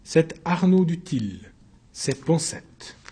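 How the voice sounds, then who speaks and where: A man voicing a weary former soldier with a wooden leg who answers the court quietly. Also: animated, husky. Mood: calm. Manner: low, quiet, measured. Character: weary one-legged former soldier, calm.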